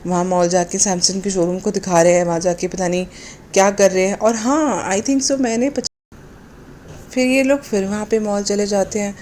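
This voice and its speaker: Woman with a mellow voice, mocking sarcastically. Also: mid-range voice, steady tone, moderate pace, slight background noise. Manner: mocking, sarcastic, mixes in English phrases. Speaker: commentary vlogger. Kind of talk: sarcastic commentary vlog.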